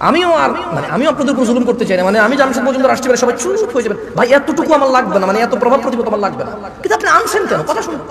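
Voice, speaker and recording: Male preacher, scolding and restless, very high and quick, heard distant and roomy over a PA. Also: sing-song. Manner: restless, loud and high-voiced, scolding the crowd. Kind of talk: sermon at a religious gathering. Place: large religious gathering, amplified on a mic. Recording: echoey PA sound from far off.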